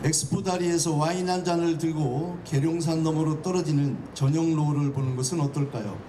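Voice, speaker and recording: A man's voice: on the high side, fairly even intonation, a little fast. A man reading a formal opening speech into a handheld mic outdoors. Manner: reads from a paper into a handheld mic. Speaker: official giving an opening speech. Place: outdoors at a building entrance. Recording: distant mic at outdoor ceremony with noise.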